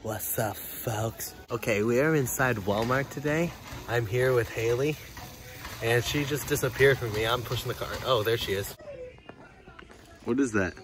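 A young man filming a casual vlog while walking through a large store, playful and excitable. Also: medium pitch, normal speed. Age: young adult. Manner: playful, excitable, laughs often. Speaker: vlogger. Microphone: handheld phone camera.

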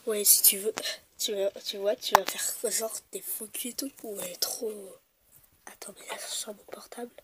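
A woman voicing a mean, scheming young woman in a toy-figure stop-motion video, talking in a low, whispery hush. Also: natural voice. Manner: hushed, whispery, conspiratorial. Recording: loud background hiss.

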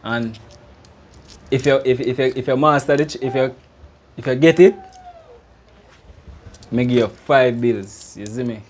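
A man's voice: medium pitch, unhurried, pauses often, slightly rough. A man in his thirties with a Jamaican accent, giving casual, playful magic-trick patter with repeated instructions, like an amateur party magician. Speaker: prank vlog host performing magic trick. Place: outdoors on a small concrete porch. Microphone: camera a few metres away. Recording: background noise, outdoor ambience.

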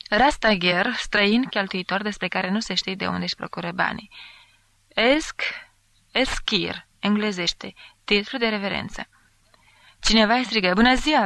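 An audiobook narrator reading a classic novel aloud in a steady literary reading style, now and then lifting the voice to act out shouted lines. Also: mid-range voice, vocal fry, no room sound. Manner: acts out quoted shouts with a raised voice.

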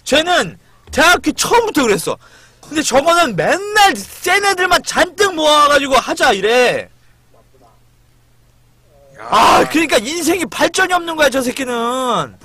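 A man streaming a game and chatting, swearing and shouting at a friend to get lost. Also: extremely high pitch, sing-song, unhurried. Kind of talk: live game stream chat.

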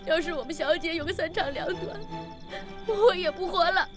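A fretful devoted maid. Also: female voice, very high voice, moderate pace, music in the background. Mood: pleading. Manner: pleading, fretful. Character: devoted, fretful young maidservant. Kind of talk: historical TV drama acting.

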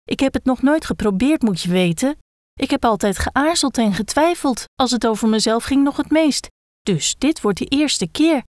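A woman's voice: high voice, animated, normal speed, a little mellow, no echo, clean studio sound, voice pushed up. A woman voicing a timid male gecko who hedges and doubts as he gives away a wish. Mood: hesitant. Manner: hesitant, hedging, fussy.

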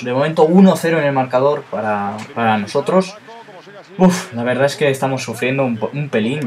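A young man with a Spain Spanish accent narrates his football video game as he plays it. He talks to his viewers casually between plays, then jumps into loud, high-pitched shouts whenever a chance or a goal comes. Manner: excitable, bursts into high shouts at chances and goals. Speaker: gaming YouTuber. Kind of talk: live gameplay commentary.

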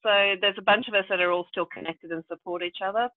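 Speaking quickly in a steady, medium-pitched voice, a guest on a video call thinks aloud, full of fillers. She works in regenerative development and grew up in Brazil and South Africa. The recording is dry, tinny and phone-like.

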